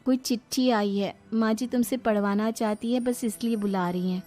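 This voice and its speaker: A woman's voice: fairly high pitch, fairly even intonation, normal speed, darkish tone, faint music behind, lightly acted. A woman doing a meek village bride. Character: naive, gentle young village daughter-in-law.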